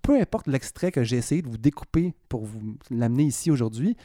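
A man's voice: medium pitch, animated, brisk, mellow, no echo, studio quality. A man with a Quebec French accent, a podcast columnist chatting casually in a playful, ironic way with wandering asides. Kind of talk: casual chronicle chat.

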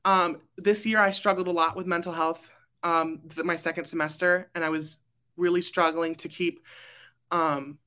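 A woman's voice: fairly low pitch, steady tone, normal speed, a bit bright. A young woman, a graduating student council member, talking casually on a podcast, emotional and rambling with fillers and restarts.

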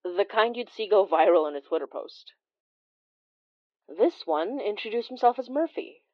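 A woman playing a wry, observant immigrant healer who narrates a horror audio drama in a confiding, measured way with dramatic pauses. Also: mid-range voice, animated, dry recording, dull audio, close to an everyday voice. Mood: wry, guarded.

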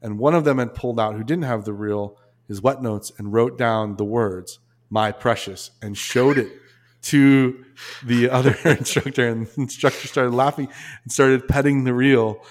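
A man, a podcast guest, telling a story in a casual, animated way, full of restarts and asides. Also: mid-range voice, moderate pace.

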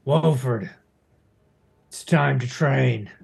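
A man voicing a stern, gruff trainer with a gravelly, husky voice in a tabletop game. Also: mid-range voice, extremely slow, heavily acted.

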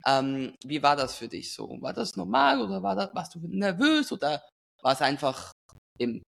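A man's voice: on the high side, very animated, normal speed, vocal fry, a bit bright. Hesitant young man asking questions. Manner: hesitant questions with many fillers and restarts. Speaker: interviewer. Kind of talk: casual interview chat.

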